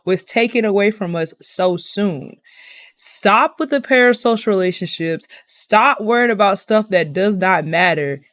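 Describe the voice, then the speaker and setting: A young woman giving an indignant commentary rant, piling up rhetorical questions and filling pauses with "like". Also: mid-range voice, no echo. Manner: indignant, exasperated, repeats herself with rhetorical questions; heavy use of "like" as filler. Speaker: commentary vlogger.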